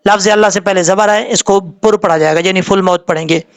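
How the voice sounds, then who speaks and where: A man teaching a tajweed lesson in Urdu with a Pakistani accent, spelling words out sound by sound and chanting the verses in long drawn-out notes. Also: sits high, fairly even intonation. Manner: slow letter-by-letter drilling, drawn-out chanted recitation.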